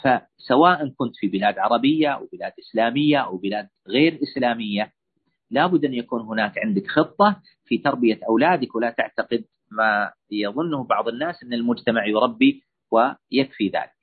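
Man, Islamic lecturer, husky, earnest and repetitive, phone-quality audio. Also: medium pitch, fast talker. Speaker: Islamic lecturer answering questions. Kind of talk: religious parenting lecture. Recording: husky voice over a tinny phone-like line.

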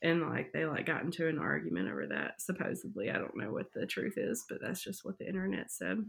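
Low-voiced woman in casual chat. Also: sing-song, fast talker, gravelly. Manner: chatty, hedging with "like" and "supposedly".

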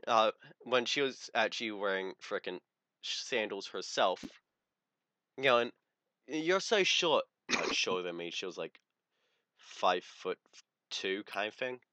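A man's voice: low-pitched, unhurried, sharp tone, smooth, no echo. A young man co-hosting a casual chat show, brash and crude, laughing often as he tells stories. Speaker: podcast co-host.

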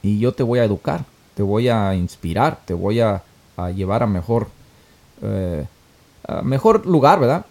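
A man's voice: fairly low pitch, very animated, measured pace, darkish tone, exaggerated voice. A man voicing a confident, shrewd older businessman, speaking in an assured, lecturing way.

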